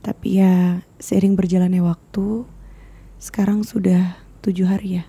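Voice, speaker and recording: A woman hosting an interview podcast, asking gentle questions in a soft, often half-whispered way. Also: fairly low pitch, level tone, unhurried, breathy edge. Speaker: podcast host. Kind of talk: casual interview.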